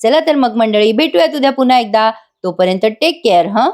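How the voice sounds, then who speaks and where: A woman's voice: a little high, animated, fairly quick, a little mellow. Chatty woman recapping a TV serial. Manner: chatty, dramatic, addresses viewers directly. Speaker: TV serial reviewer. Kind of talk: chatty voice-over episode recap.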